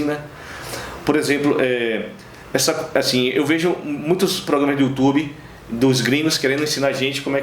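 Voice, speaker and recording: Bahian male guest, rapid casual talk full of fillers, roomy recording with a faint hiss. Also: mid-range voice. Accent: Bahian Portuguese. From Brazil, Bahia. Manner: rambling anecdotes with many fillers and restarts. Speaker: interview guest, singer. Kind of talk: casual interview chat.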